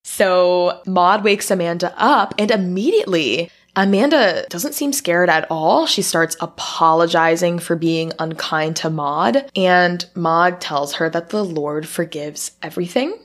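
Woman, lowish voice, podcast co-host, brisk plot recap with dry humor. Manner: brisk storytelling, dry asides. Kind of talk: casual film recap.

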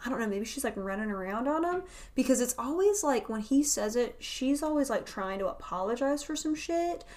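A woman's voice: on the high side, lively intonation, a little fast, a little mellow. Laid-back young woman, swearing casually. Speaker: podcast co-host. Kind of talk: casual podcast chat.

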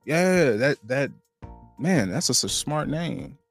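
A man appearing as an actor guest in a casual chat, talking haltingly with many fillers. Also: fairly high pitch, sing-song, soft background music.

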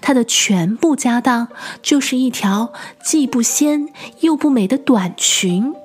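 A woman teacher narrating children's stories in a gentle, expressive, sing-song way and speaking directly to young listeners. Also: fairly high pitch, a little slow, slightly rough. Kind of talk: storytelling for children.

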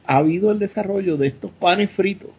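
A man's voice: sits high, a little fast, husky, muffled recording. A man with a Puerto Rican Spanish accent, co-hosting a casual chat and explaining things in a musing way. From Puerto Rico.

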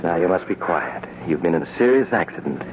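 A composed hospital doctor with a deep voice and formal manner. It is old radio drama acting, on a dull recording with faint noise. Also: male voice, a little fast. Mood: calm, professional. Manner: calm, formal, questioning. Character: calm, measured male hospital doctor.

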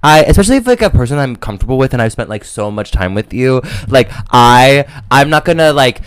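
A young man, telling a story in casual podcast chat, animated and camp, with many fillers. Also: medium pitch, brisk, clean tone. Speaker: podcast co-host.

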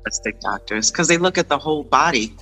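A man's voice: a little high, animated, fast talker, sharp tone, soft background music. A man explaining things conversationally, like a wellness coach, in an encouraging, informal way with short emphatic phrases. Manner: encouraging, reassuring. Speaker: meditation and wellness guest.

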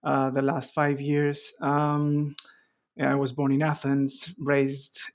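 Man, from greece, podcast guest, gravelly, flat, hesitant. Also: medium pitch, slow. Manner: hesitant, many fillers and restarts. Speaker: guest historian. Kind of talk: podcast interview.

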